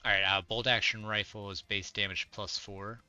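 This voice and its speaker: A man's voice: fairly low pitch, level tone, moderate pace, bright, forceful tone, smooth, no echo, highs cut off, faint music behind. A man playing a tabletop game, counting out his dice rolls methodically. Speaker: player. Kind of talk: casual tabletop game play.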